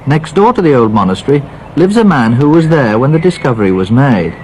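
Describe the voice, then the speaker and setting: A man's voice: medium pitch, big pitch swings, a little fast, a little mellow, low-quality recording. A man working as a reporter, narrating and interviewing on location for a regional documentary. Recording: 1970s location recording with background noise.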